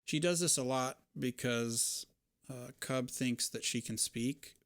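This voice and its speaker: Male game master, conversational tabletop narration, smooth clear voice, medium pitch, very dry recording. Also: slow, dry recording.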